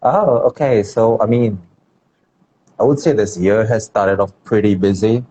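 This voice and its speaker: A man from India, a dance teacher, speaking on a video call in a relaxed, rambling way full of "like"s. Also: fairly low pitch, measured pace. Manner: relaxed, rambling, many fillers like "like". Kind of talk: casual video-call conversation. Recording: dull lo-fi video call audio with faint background noise.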